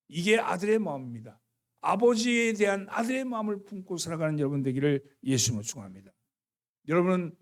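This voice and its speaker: A male pastor preaching a sermon, earnestly addressing the congregation with rhetorical questions. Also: high-pitched. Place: church sanctuary.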